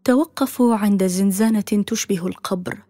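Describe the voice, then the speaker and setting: A woman's voice: mid-range voice, moderate pace, warm tone, no room sound. A solemn woman narrating a dramatic audiobook story, her voice often sinking to a near-whisper. It is recorded close and dry, with no room sound.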